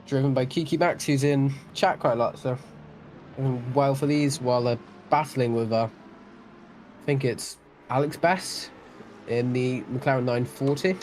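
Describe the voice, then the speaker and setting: A man's voice: mid-range voice, measured pace, a little mellow, slight background noise. A young Welshman with a Welsh accent giving chatty, self-deprecating live-stream commentary on a sim race, often restarting his sentences. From Wales.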